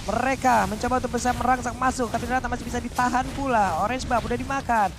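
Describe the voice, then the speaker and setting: Very high-pitched male fighting game announcer. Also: fast talker. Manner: fighting game announcer delivery, excitable play-by-play. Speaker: esports match commentator. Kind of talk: live mobile game commentary. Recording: clear background noise.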